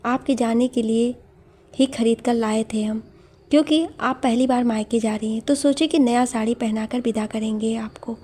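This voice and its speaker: A woman's voice: on the high side, fairly even intonation, normal speed, warm tone, slightly rough. Sweet young sister-in-law, read by a woman. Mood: affectionate.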